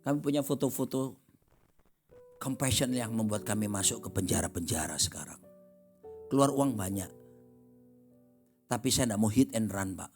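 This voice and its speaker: Animated male pastor preaching over guitar. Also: fairly low pitch, normal speed, pauses often. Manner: animated storytelling, acts out voices in dialogue. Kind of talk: sermon.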